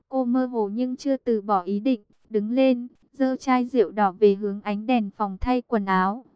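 A woman reads a romance novel aloud in an even, measured way, her voice very smooth and resonant and pitched a little high. The recording is close and dry, with a slightly muffled, lo-fi tone. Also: no echo. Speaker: audiobook narrator. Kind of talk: scripted romance novel narration.

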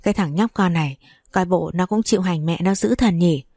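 A woman's voice: fairly low pitch, fairly quick, darkish tone, dry recording, clean studio sound. A woman narrating a first-person story in a chatty, wry storytelling manner.

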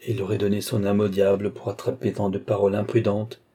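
A man narrating a short story in a measured storytelling manner. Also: on the low side, level tone, warm tone.

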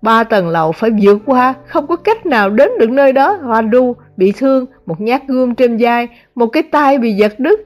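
A woman narrating a translated novel as an audiobook, in a measured, dramatic reading. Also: on the high side, expressive. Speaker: audiobook reader.

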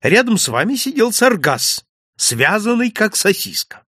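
A man voicing a chatty, jovial male village innkeeper in an audiobook, pitching his voice up and sounding excitable. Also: measured pace, husky, no room sound, studio quality, heavily acted. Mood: gossipy.

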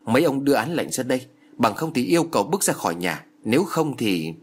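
A man voicing a bold, sharp-tongued teenage boy who talks back mockingly, in a slightly husky voice. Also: medium pitch, animated, fast talker. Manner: cocky, mocking.

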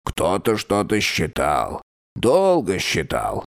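A man voicing a dead, mummified old king who is cheerful and curious, speaking slowly and drawing out his words in an audiobook reading. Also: deep voice, wildly swooping pitch, creaky, heavily acted.

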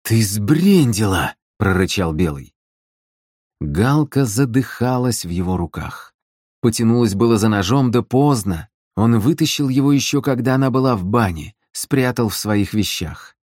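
A man's voice: mid-range voice, animated, normal speed, darkish tone, dry recording, studio quality. A man narrating an audiobook in an intense, dramatic storytelling manner.

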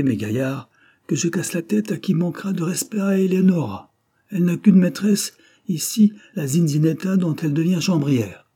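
A man voicing a jovial, boastful old bandit captain who talks in a booming, teasing, theatrical way. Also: mellow, slightly rough.

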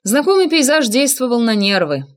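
A woman narrating a first-person crime novel as an audiobook, reading with expressive emphasis. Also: normal speed. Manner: expressive, shifting pitch for emphasis.

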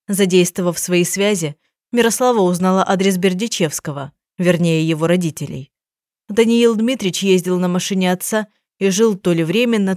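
A woman narrating an audiobook with an even, measured reading. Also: fairly low pitch, no room sound, studio quality.

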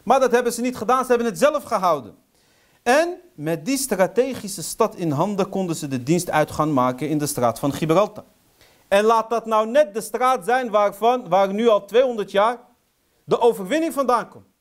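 A man's voice: high voice, lively intonation, moderate pace. A man lecturing on history, telling it as a story with rhetorical questions and getting heated and indignant. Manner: sprinkles Arabic phrases into speech.

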